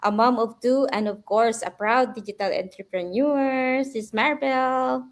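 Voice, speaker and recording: A woman's voice: fairly high pitch, normal speed. A woman from the Philippines co-hosting a talk show, greeting viewers cheerfully. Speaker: co-host.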